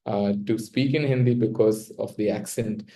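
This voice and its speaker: As an interview guest, a young adult man with a South Indian accent talks casually and reflectively about his own life. His fairly low, relaxed voice holds to a narrow, even pitch range, and he often pauses mid-sentence.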